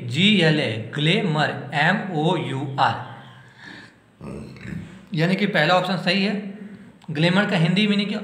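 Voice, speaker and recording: A male teacher, his voice sitting a little high, works through an exam-prep spelling lesson. He speaks very slowly, spelling each word letter by letter. He asks the class questions and answers them himself, in an echoey room. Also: fairly bright tone.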